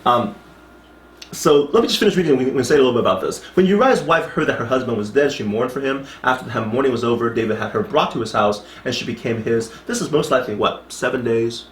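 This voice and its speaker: A man's voice: medium pitch, quick pace, a little hiss or hum. Man teaching Bible study in echoey room. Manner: conversational, reads scripture aloud with asides; frequent restarts and checks like "okay?".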